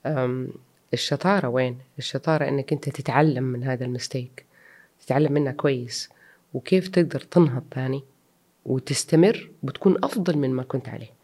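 A woman's voice: extremely low pitch, fast, dark tone. A woman, speaking earnestly and reflectively as an interview guest, mixing in English words. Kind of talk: personal interview.

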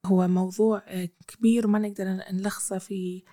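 A woman's voice: medium pitch, flat delivery, brisk, mellow. A woman with a Gulf or Iraqi Arabic accent hosting a conversational interview. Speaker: interview host.

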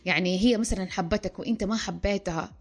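A woman's voice: mid-range voice, fast talker, slightly rough, faint music behind. A woman, a relationship counselor talking through a podcast discussion and acting out the lines she quotes. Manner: animated, acts out quoted speech.

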